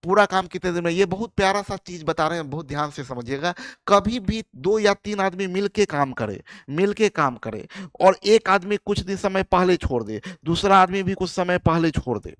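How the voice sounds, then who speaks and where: A man's voice: high-pitched, animated, moderate pace, fairly bright tone, no room sound, clean studio sound. A man teaching a live online maths class, explaining each step and often asking the class whether they follow. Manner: explains step by step, often asks the class "yes or no", calls students "friend".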